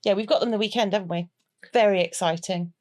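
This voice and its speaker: A woman's voice: mid-range voice, quick pace. Giggly chatty grandmother. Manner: chatty, giggly, animated storytelling. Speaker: podcast co-host. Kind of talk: casual chat.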